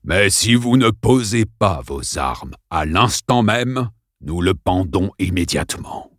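Villain principal, read by a man: cold, menacing, slow, clipped commands, low-pitched, lively inflection, dry close audiobook sound. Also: no echo, exaggerated voice. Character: cold menacing middle-aged male school principal.

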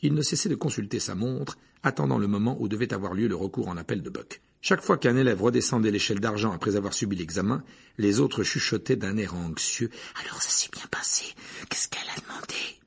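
Raspy, gravelly male audiobook narrator. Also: on the low side, fast. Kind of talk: scripted narration.

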